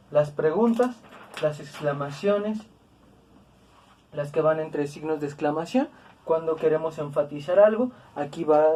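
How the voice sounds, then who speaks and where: A woman's voice: low-pitched, warm tone, far from the mic, a little hiss or hum. A woman teaching a grammar lesson, patient and repetitive, with tag questions and fillers. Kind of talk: explanatory lesson.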